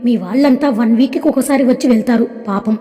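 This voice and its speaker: A woman voicing a calm male doctor who explains things in a matter-of-fact way, in a storybook reading. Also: very high-pitched, fairly quick. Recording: long hall reverb.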